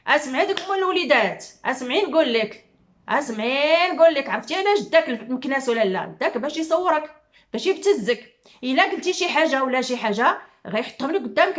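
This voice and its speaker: A woman's voice: high voice, fairly bright tone. A middle-aged woman with a Moroccan accent ranting to her viewers, heated and accusing, repeating her phrases again and again. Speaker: YouTuber.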